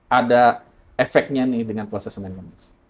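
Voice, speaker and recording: A man's voice: medium pitch, normal speed. Man, interview guest, earnest personal account, self-correcting, plain voice. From Indonesia. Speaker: guest telling his story.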